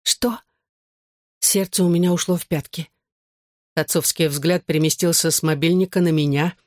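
Female audiobook narrator, measured tense first-person reading, dry close sound. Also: low-pitched, steady tone, a little mellow, dry recording.

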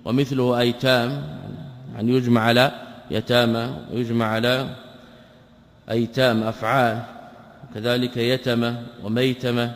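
A man's voice: medium pitch, level tone. Man lecturing in a reverberant hall. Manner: poses rhetorical questions and answers them himself; repeats words and patterns slowly for emphasis. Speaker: Islamic scholar teaching a text. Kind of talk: lecture explaining a classical text.

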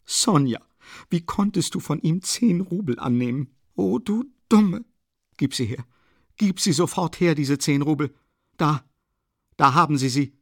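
A male audiobook reader voicing a frantic, hysterical impoverished woman who screams accusations in a high, strained falsetto. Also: flat delivery, moderate pace, few pauses, mellow, no room sound, clean studio sound, lightly acted. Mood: hysterical fury.

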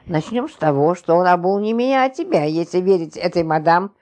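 A woman's voice: fairly low pitch, lively intonation, a little fast, a little mellow, close to an everyday voice. A woman reading an audiobook, voicing an angry, blustering cheated husband who speaks indignantly. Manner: indignant, through gritted teeth.

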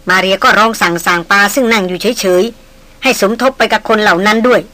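A woman narrating a novel in a steady, expressive storytelling voice. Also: medium pitch, a little fast. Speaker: audiobook narrator. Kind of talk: novel reading.

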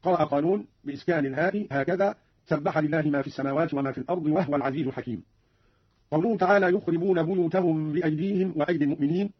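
A man with a husky, fairly high voice explains recitation rules quickly in measured, scholarly phrasing. The recording is dry and dull, with the lo-fi sound of an old radio archive. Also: no room sound. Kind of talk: formal broadcast explanation.

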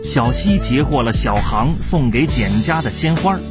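An announcer giving a measured, formal recap and introduction for a radio serial. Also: mid-range voice, animated. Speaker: program announcer. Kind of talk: broadcast program introduction. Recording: voice over guitar music.

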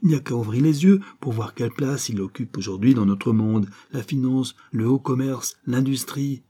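A man's voice: mid-range voice, normal speed, warm tone, slightly rough, lightly acted. A man voicing a patient, reasonable middle-aged father. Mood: reasoning. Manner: reasonable, patient, lightly teasing. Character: middle-aged male industrialist and deputy, conciliatory.

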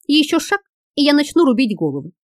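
A woman voicing a bold young male swordsman who shouts commands in an audiobook. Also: high voice, big pitch swings, fast talker, no echo, studio quality. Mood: defiant.

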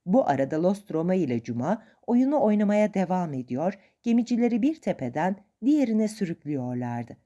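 A woman's voice: fairly low pitch, warm tone, lo-fi sound. A woman reading a first-person adventure story aloud as narrator, with dramatic expression.

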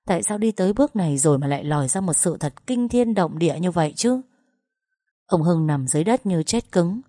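A woman's voice: fairly low pitch, expressive, fairly quick, dark tone, no room sound, clean studio sound. A woman narrating a first-person dramatic story with emotional, tense storytelling.

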